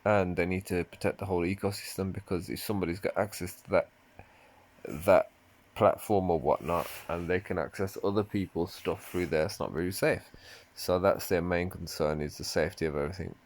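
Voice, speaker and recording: A man casually reading an AMA aloud and thinking out loud between questions. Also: deep voice, fairly even intonation, brisk. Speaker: crypto video commentator.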